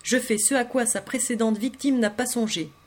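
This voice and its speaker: A woman narrating a literary story in the first person, reading in an intimate, expressive way. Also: fairly high pitch, moderate pace. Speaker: audiobook reader.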